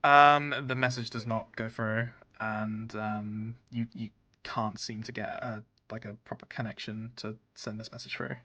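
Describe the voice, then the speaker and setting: A man's voice: lowish voice, fairly even intonation, unhurried, pushed and bright. A man narrating a tabletop game as game master, hesitant with many fillers.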